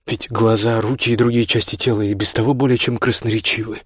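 Soft-spoken man reading an audiobook. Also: fairly low pitch, little pitch movement, slightly rough, no echo, studio quality. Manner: slow, soft, intimate. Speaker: audiobook narrator. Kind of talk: scripted narration.

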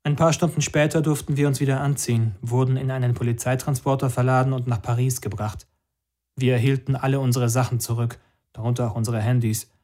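Man narrator, calm, somber, measured reading, first person. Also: mid-range voice.

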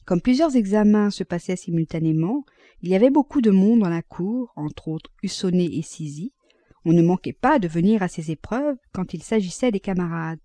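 A woman narrating a classic novel as an audiobook, reading at a measured, even pace. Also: lowish voice, no room sound.

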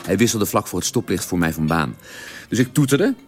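A man in a radio drama telling a long, detailed story at the dinner table in a measured, drily precise way. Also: deep voice, sing-song, faint music behind. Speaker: character telling an anecdote at a family dinner.

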